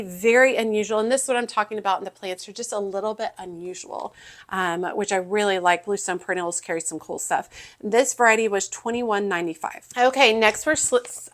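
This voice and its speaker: A woman with a Southern US accent talks through a plant catalog in a relaxed, chatty way. She pauses on ums and restarts her sentences, like a gardening host reading picks aloud at home. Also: mid-range voice. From Texas, US. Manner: chatty, with frequent ums and self-corrections. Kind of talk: casual catalog walkthrough.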